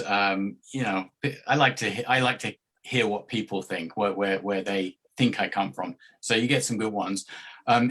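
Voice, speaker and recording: On a casual podcast, a male guest who makes travel videos tells his story hesitantly, rambling and restarting often. His fairly low voice has a sharp tone and a hard-to-place mixed accent, and the audio is poor.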